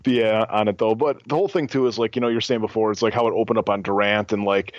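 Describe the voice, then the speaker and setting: A man with a fairly low voice co-hosts a casual film review podcast, rambling through his thoughts with plenty of fillers and restarts. The recording is dull and lo-fi, with a dry, close sound and no room echo. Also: fairly even intonation, quick pace. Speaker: podcast co-host.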